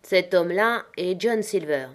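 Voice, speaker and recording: Woman reading as a calm even-toned doctor, storybook. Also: fairly low pitch, a little slow, natural voice. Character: calm measured male country doctor.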